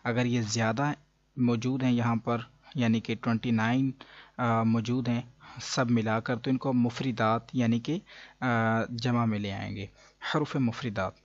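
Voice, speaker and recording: A man's voice: medium pitch, steady tone, no echo, highs cut off. A man teaching a beginner Quran reading lesson, patiently explaining and drawing out each letter sound. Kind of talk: step-by-step recitation lesson.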